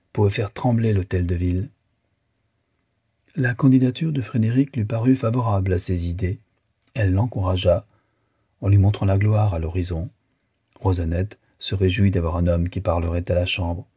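Low husky male narrator. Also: mellow. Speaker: audiobook narrator. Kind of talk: scripted literary narration.

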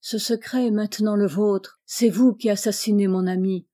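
A woman voicing a grieving young warrior for an audiobook; mellow, mid-range, pleading. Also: medium pitch, steady tone, moderate pace, lightly acted. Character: young male native warrior, anguished. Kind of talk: audiobook reading.

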